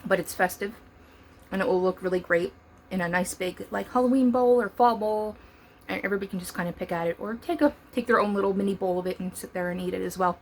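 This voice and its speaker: A woman's voice: mid-range voice, fast talker, darkish tone, a little hiss or hum. Chatty woman taste-testing snacks. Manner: chatty and enthusiastic, talks while chewing. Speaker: food vlogger. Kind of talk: casual cooking demo and taste test.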